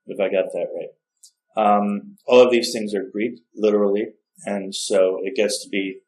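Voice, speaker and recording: A man with a fairly low voice talks through a digital coloring session in a loose, casual way. He rambles, backtracks and corrects himself, and sounds unsure of the names he says. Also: rough recording. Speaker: art tutorial host. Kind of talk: casual narrated drawing tutorial.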